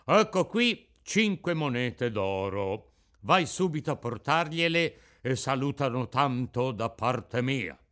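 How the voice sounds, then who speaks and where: A man voicing a gruff old male puppet-show master in an audiobook, talking slowly and heavily. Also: medium pitch, lively intonation, a bit bright. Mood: pitying. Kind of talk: audiobook character voice.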